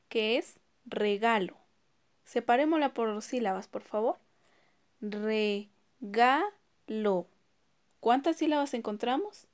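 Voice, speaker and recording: A woman teacher giving a recorded class, sounding out words syllable by syllable and asking her students questions. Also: on the high side.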